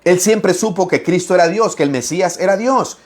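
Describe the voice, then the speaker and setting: Fiery, expressive male preacher, fairly high voice. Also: moderate pace. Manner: expressive, raises and lowers his voice, laughs while speaking; acts out opponents' lines in mocking voices. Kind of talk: animated Bible-study preaching.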